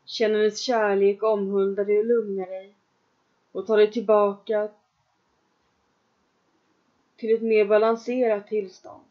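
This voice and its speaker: In a dull, lo-fi recording, a woman with a mid-range voice takes listeners through a trance meditation. She addresses them directly as "you" in calm, measured lines and leaves long pauses between them.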